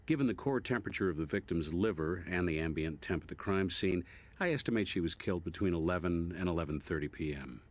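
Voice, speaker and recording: A methodical American medical examiner for a video game. His voice sits very deep. He explains things in a dry, matter-of-fact and instructive way. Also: animated, quick pace, no room sound. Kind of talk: scripted video game dialogue.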